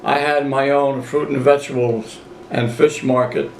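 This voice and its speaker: A man's voice: medium pitch, level tone, normal speed, creaky, slight background noise. A man in his eighties reminiscing casually in an interview, a folksy storyteller who repeats his phrases and quotes people as he goes. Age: 80s. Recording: roomy, echoey home recording.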